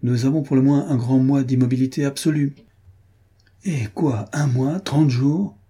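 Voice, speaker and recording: A man's voice: mid-range voice, fairly even intonation, measured pace, warm tone, breathy edge, voice pushed up. A man playing a sneering hot-tempered southerner. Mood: scornful. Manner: sneering, blustering.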